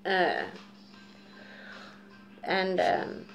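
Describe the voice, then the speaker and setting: Very slow and sing-song, with a breathy edge and a mid-range pitch, a vlogger in her 40s from Japan and Denmark speaks with both accents. She rambles candidly to her webcam in a dim living room, laughing often and swearing freely, as faint music plays behind her.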